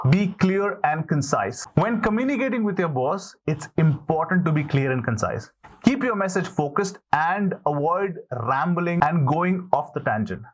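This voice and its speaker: A man presenting scripted motivational advice as a video coach, with an encouraging, earnest manner and deliberate emphasis. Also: fairly high pitch. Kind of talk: scripted motivational instruction to camera.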